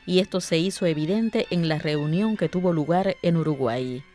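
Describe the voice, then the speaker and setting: A female Cuban radio announcer with a fairly low voice narrates a scripted series clearly and formally. Faint music runs under her reading. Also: normal speed, dark tone.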